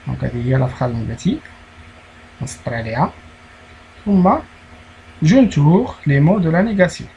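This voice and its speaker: A man's voice: a little high, expressive, creaky, mellow, muffled recording, a little hiss or hum. Patient Moroccan male teacher, repeating words. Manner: explains slowly, repeating key words, switching into Arabic. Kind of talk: primary school French lesson.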